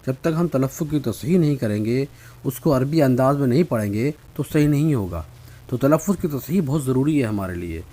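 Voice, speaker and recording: A man teaching Arabic pronunciation, patiently saying each letter sound slowly and repeating it for students to copy. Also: medium pitch, animated, dark tone. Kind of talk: spoken lesson.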